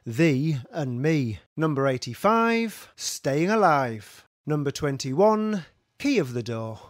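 A man calls bingo in a slow, scripted sing-song. His pitch swings widely as he announces each call. The sound is close and dry, like a studio recording. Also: no echo. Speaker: bingo caller. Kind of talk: scripted bingo calling, numbers with rhyming nicknames.

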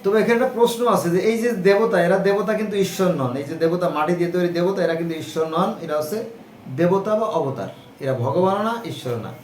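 Guy explaining religion stuff casually, highish voice, echoey room, little background noise. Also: a little fast, a little mellow. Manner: explanatory, lists terms, asks rhetorical "right?". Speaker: religious speaker. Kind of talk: informal religious talk to viewers.

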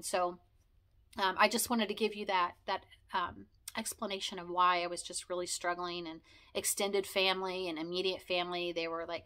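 A woman's voice: on the low side, bright, forceful tone. A woman vlogging in a chatty, rambling way, thanking old friends and recalling memories. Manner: chatty, rambling, with frequent fillers and laughs. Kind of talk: personal heartfelt vlog, talking to camera.

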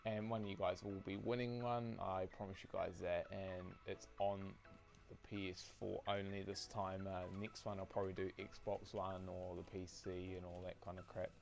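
Male gaming vlogger, low flat delivery, rambling and repetitive, faint music underneath. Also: normal speed, vocal fry. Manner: rambling, repetitive, many fillers and restarts. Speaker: gaming channel host. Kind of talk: casual update vlog.

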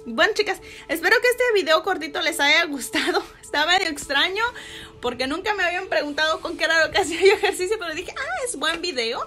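A woman's voice: extremely high pitch, animated, fast talker, pushed and bright, soft background music. Upbeat woman with a Mexican Spanish accent. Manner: chatty, upbeat, motivational. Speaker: fitness vlogger. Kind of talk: casual chat to camera. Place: small bedroom indoors. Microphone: phone camera close up.

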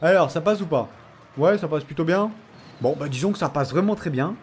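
Excitable man doing game commentary. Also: on the high side, a little fast, a little hiss or hum. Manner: excitable and teasing, often laughing. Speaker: gaming channel host. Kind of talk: casual gameplay commentary.

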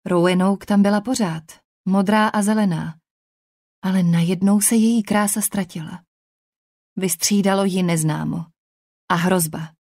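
A woman narrates a novel in the first person with a measured, even delivery. Her voice sits at a middle pitch and is recorded close and dry, with no room sound around it. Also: no echo. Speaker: audiobook narrator.

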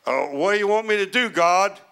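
A man's voice: high-pitched, a little fast, vocal fry, bright, forceful tone, clean tone, full character voice. A man voicing Adam as a naive first man asking eager, puzzled questions.

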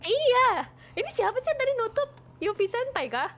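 A woman's voice: very high-pitched, sing-song, normal speed, a crowd in the background. A young woman playing a game with friends, playful and joking with mock-formal asides. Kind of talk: casual gaming chat. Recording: loud background noise.

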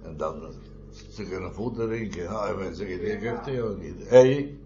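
An older man with a lowish voice tells long, rambling stories in an oral history interview. He keeps adding little tag questions and soft chuckles. The recording is muffled, with a faint hiss underneath. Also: moderate pace. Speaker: former miner interviewee.

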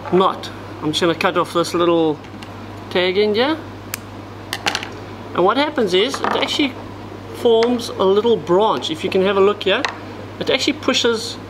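A man's voice: sits high, noisy background. Man demonstrating knots in a tackle shop. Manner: step-by-step, talks while working with his hands. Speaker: fishing tackle instructor. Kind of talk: hands-on tutorial demonstration. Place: indoor tackle shop, at a table.

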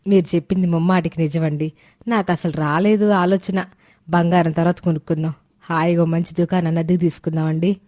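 Low mellow cartoon wife, played by a woman, earnest village mother. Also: fairly even intonation, brisk, close to an everyday voice. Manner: pleading and earnest. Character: devoted village wife and mother, later defiant.

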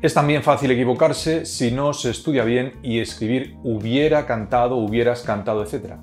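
A man narrating a scripted grammar lesson, reciting verb forms slowly and deliberately. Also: mid-range voice. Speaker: teacher. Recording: faint guitar music behind.

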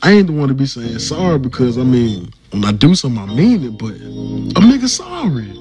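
A man's voice: mid-range voice, very animated, brisk, music in the background, close to an everyday voice. A man voicing a tough male inmate bear in a cartoon, laid-back and streetwise.

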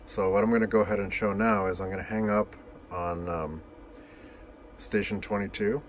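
A man explains vintage telephone equipment beside an indoor equipment cabinet in an informal, unscripted, matter-of-fact demonstration. His voice is on the low side with a steady tone and moderate pace, and the camera-mic recording has slight background noise.

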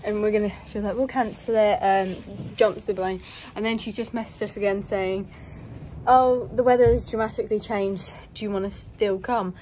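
Her mid-range voice is steady and slightly dark, moving at a moderate pace over a little hiss or hum. The young equestrian vlogger chats cheerfully and rambles, phone at arm's length, while at a stable yard outdoors and in a horse lorry.

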